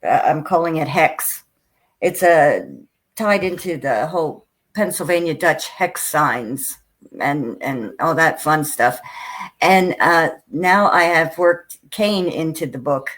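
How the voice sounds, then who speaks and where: A woman's voice: low-pitched, slow pace, a bit bright. An American woman hosting a casual interview over a video call, bubbly and rambling, laughing often as she talks. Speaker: host.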